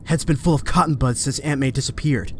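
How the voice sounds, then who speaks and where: A man's voice: medium pitch, fairly even intonation, brisk, noisy background, lightly acted. A man playing a young male superhero in a comic dub, earnest, wry and anxious but determined. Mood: anxious inner monologue.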